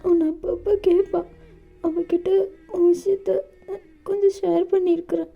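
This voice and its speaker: A woman's voice: very high voice, level tone, moderate pace, creaky, voice pushed up. A woman voicing an anxious, clingy young man who pleads and sobs in a storybook romance. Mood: tearful pleading. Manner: sobbing, pleading, sulky. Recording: dull lo-fi with faint music.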